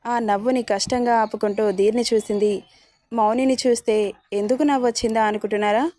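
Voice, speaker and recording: A woman's voice: a little high, steady tone, brisk, mellow, no room sound, studio quality. Woman narrating a dramatic serial story.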